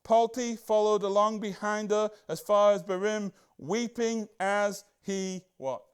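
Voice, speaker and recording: A man preaching a casual Bible-study sermon as a church pastor, chatty and excitable, full of rhetorical questions and asides. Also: sits high, measured pace, clean tone.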